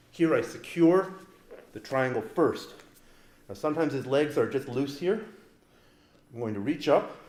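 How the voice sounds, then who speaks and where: Explaining step by step as he works on a partner, a man teaches grappling in a relaxed, humorous way inside a training mat room. His medium-pitched voice is a little mellow, heard in an echoey space with a faint hiss or hum.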